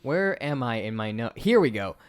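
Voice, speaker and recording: Lively joking man recapping a film. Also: mid-range voice, moderate pace, smooth. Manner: animated, jokey, swears freely, laughs often. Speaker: podcast co-host. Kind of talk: casual comedic film recap chat.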